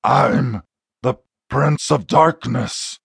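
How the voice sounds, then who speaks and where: A man's voice: medium pitch, extremely slow, fairly bright tone, dry recording, clean studio sound, pitched above the performer's own voice, full character voice. A man voicing a broken but defiant male demon spirit in an audiobook, with strained, reluctant answers. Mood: grudging. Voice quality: gravelly, breathy rasp. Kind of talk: audiobook character voice.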